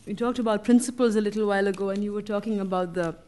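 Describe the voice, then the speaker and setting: A woman's voice: medium pitch, steady tone, racing, darkish tone. A woman moderating a university panel discussion, speaking with many hesitations and fillers as she opens the floor to questions. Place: university lecture hall.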